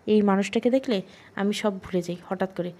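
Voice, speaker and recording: A woman's voice: mid-range voice, fairly quick, warm tone. A young woman narrating a romantic audio story in the first person, in an intimate way.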